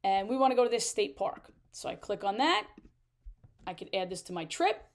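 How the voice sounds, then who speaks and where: A woman's voice: medium pitch, very animated, normal speed. Chatty woman walking through a tutorial. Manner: chatty, step-by-step explaining. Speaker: RV travel vlogger. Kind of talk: screen-share tutorial walkthrough.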